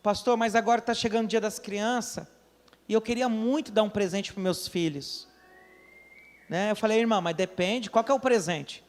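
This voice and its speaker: Man, pastor, high voice, sermon storytelling, acts out dialogue, long church-hall reverb. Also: moderate pace. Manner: storytelling, acts out the people he quotes, asks the congregation questions. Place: church during a service.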